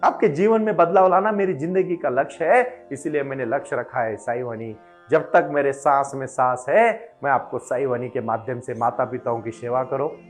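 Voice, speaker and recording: A man's voice: medium pitch, moderate pace, hardly any pauses, soft background music. A man giving an emphatic devotional motivational address, building into fervent exhortation. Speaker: motivational spiritual speaker.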